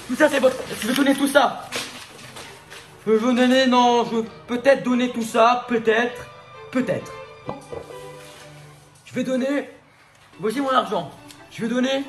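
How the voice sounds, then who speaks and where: A man's voice: very high-pitched, measured pace, long pauses, soft background music. A man voicing a pompous rich former male vice-president who talks smugly, puffs himself up and keeps backpedalling, in a comedic sketch speech. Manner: smug, self-important, backpedalling.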